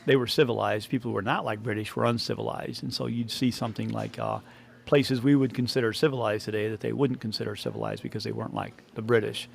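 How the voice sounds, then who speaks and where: A man co-hosting a casual podcast, talking loosely and often trailing off or laughing. His voice is heavily gravelly and creaky. A faint hiss of noise sits under the recording. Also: lowish voice, steady tone, fast talker. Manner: rambling, laughs often, trails off mid-sentence. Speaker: podcast co-host. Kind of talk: casual chat.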